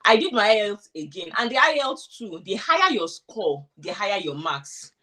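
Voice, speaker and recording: Woman, mid-range voice, casual animated storyteller in an interview, slightly distant mic. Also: medium pitch, quick pace. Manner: animated, acts out quoted thoughts. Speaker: interviewee sharing her immigration story.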